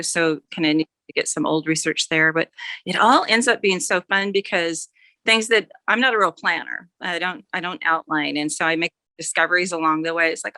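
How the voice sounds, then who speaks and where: Speaking in a lowish, sharp-toned voice, a mature woman chats as an author guest in a casual interview, recorded dry. She wanders a little and self-corrects as she talks.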